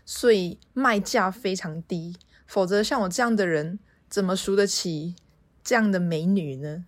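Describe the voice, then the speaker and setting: A devoted young scholar speaks gently and sincerely, voiced by a woman with a Taiwanese Mandarin accent who barely changes her voice. He sounds earnest and tender rather than grand. The sound is dry and close. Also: fairly low pitch, normal speed, no room sound, natural voice. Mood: modest.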